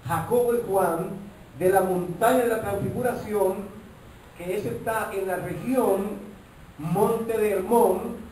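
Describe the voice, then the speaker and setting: A man's voice: high-pitched, darkish tone, a little hiss or hum. A male pastor preaching a sermon, often breaking off to address his listeners as brother. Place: church hall. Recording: echoey hall, mic far off.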